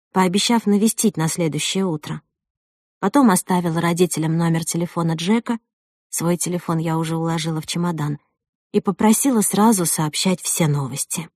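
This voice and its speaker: A woman narrating a first-person audiobook in an expressive way. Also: lowish voice, dry recording, studio quality. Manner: expressive, rising with the drama.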